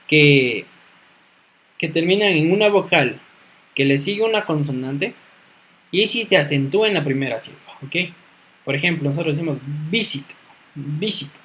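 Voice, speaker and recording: A man teaching a grammar lesson, who checks in with a questioning "ok?" after almost every phrase and slowly repeats words to show their stress. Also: fairly high pitch, a bit bright, a little hiss or hum, rough recording. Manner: clears throat now and then. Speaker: English teacher. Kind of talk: explaining grammar rules in a lesson.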